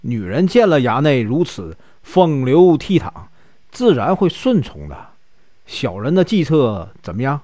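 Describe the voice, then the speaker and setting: A man with a Northeastern Mandarin accent voicing a sly, scheming male servant who flatters his young master. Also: mid-range voice, a little slow, no echo, clean studio sound.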